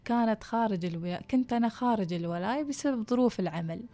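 Woman softly telling a story. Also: fairly high pitch, animated, fast talker, soft background music. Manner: soft, hushed storytelling with whispered passages. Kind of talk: scripted narration of a true story.

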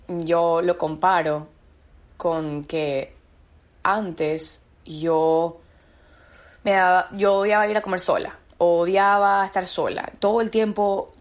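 A woman as a podcast guest, talking about her own experience in an earnest, searching way and repeating words for emphasis. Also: fairly low pitch. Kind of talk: reflective personal conversation.

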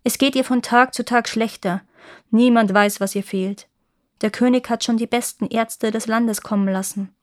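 A woman's voice: on the high side, steady tone, moderate pace, no echo, natural voice. A chatty palace guard from a storybook, dreamy and gossipy, passing on news in a confiding tone, as a woman reads him. The recording is close and dry.

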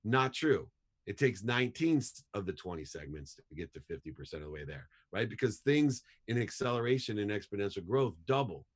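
An emphatic, punchy man in his fifties, a guest who is an entrepreneur and motivational speaker, tells energetic motivational stories and repeats key phrases for effect. His fairly low, husky voice is sing-song and fairly quick.

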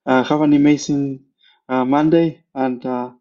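A man from Peru leaving a recorded question for a podcast, halting and polite, with frequent pauses and fillers. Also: mid-range voice, level tone, mellow, dull audio. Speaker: caller.

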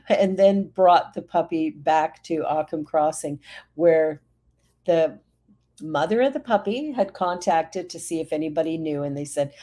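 A man's voice: high voice, mellow. A man hosting a show and reading uplifting news stories, adding emotional, chuckling asides. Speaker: host and minister.

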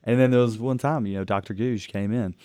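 A man's voice: mid-range voice, a little fast. A man hosting a casual chat, telling stories animatedly and acting out what people said. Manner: animated storyteller acting out quotes.

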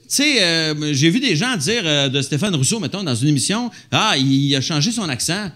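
A man's voice: on the high side, very animated, normal speed, pushed and bright. A man with a Québécois accent, a comedian telling stage anecdotes in casual chat and swearing lightly. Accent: Québécois French. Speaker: comedian guest.

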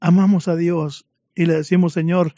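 A man's voice: sits high, normal speed, a little mellow, no echo. A man preaching a fervent sermon to his congregation, addressing them again and again as brothers, in a dull lo-fi recording.

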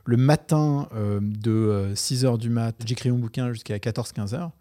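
Middle-aged male guest, candid and animated, casual swearing, mid pitch. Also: moderate pace. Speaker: investor guest. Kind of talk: casual interview chat.

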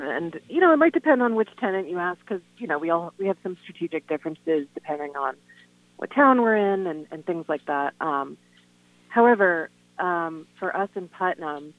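A woman speaking over the phone as a guest on a call-in radio show, earnest and halting, with lots of "um" and "you know". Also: lowish voice, no echo. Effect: heard over the phone. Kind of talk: casual radio phone interview. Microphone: telephone. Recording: tinny, dry phone line.

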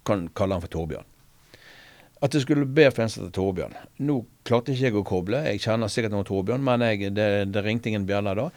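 A man with a somewhat low voice recounts a religious experience in an easy, conversational way. He talks earnestly and hesitantly, with frequent fillers and restarts. The recording is dry and close, with no room sound. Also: darkish tone, dry recording. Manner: earnest, preacher-like retelling. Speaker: interview guest sharing a testimony. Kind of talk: casual conversational storytelling.

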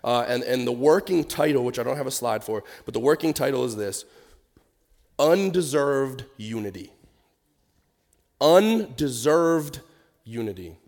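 A man's voice: mid-range voice, fast, creaky, hardly any pauses, a little mellow. A man preaching a conversational sermon in a nasal, crackly voice, informal and emphatic, repeating key words and reading scripture.

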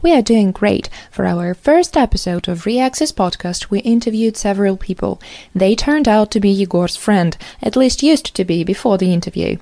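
A woman with a gravelly voice, introducing interview segments on a podcast. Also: medium pitch, expressive, normal speed, mellow, no room sound. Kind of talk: casual podcast hosting.

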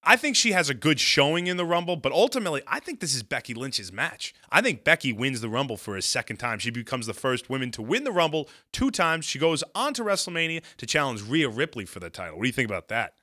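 A man's voice: mid-range voice, sing-song, fast, hardly any pauses, pushed and bright, dry recording, clean studio sound. A man co-hosting a wrestling podcast, leading the recap with strong opinions in casual chat. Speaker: podcast co-host.

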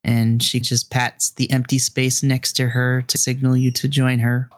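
A man's voice: mid-range voice, monotone, a little slow, dry recording. A man narrating a tabletop game as game master, speaking to the player in second person.

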